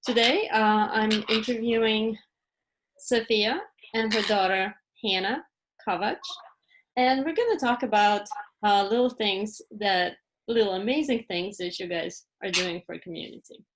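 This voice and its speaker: A woman hosting a casual interview, speaking in a relaxed way with a few fillers. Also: mid-range voice, unhurried, noisy background. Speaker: host, library staff interviewer.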